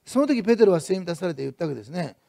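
Male pastor, quick-paced sermon delivery, swings between emphatic repetition and soft asides. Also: sits high, sing-song, vocal fry, no echo, clean studio sound. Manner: builds to loud emphatic repetition, then drops to soft asides.

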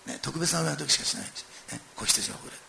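Middle-aged man, sermon, gravelly and fast, animated storyteller who speaks directly to the congregation. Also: a little high, slight background noise. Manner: animated storytelling, acting out quoted lines and addressing listeners directly. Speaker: pastor.

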